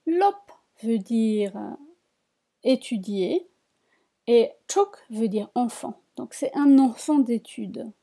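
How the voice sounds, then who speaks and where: A woman teaching a reading lesson, spelling out syllables one by one and repeating each word slowly. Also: fairly high pitch, expressive, creaky, warm tone. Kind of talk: slow spoken language lesson.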